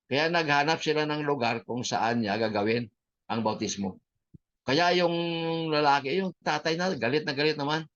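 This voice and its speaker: A man with a Filipino accent teaching a church history class in an unhurried way, with many fillers and English phrases mixed in. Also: a little high, animated, a bit bright, lo-fi sound.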